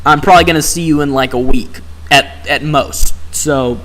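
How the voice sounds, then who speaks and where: A man's voice: a little high, steady tone, normal speed, fairly bright tone. A young man live-streaming a game, chatting casually and sarcastically while reading chat aloud. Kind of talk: casual gameplay commentary. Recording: faint background music.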